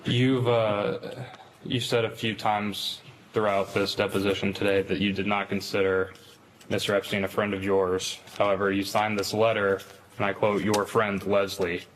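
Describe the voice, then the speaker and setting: A man asking pointed, measured questions in a formal deposition. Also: fairly low pitch, little pitch movement, a little hiss or hum, rough recording. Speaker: congressional questioner.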